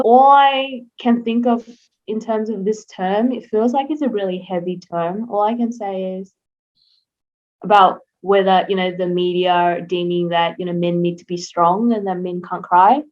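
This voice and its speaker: A young Australian woman, an interview guest, rambles casually through her answers with plenty of fillers and restarts. Her voice is medium-pitched and slightly dark at a normal speed, captured on a somewhat dull lo-fi recording.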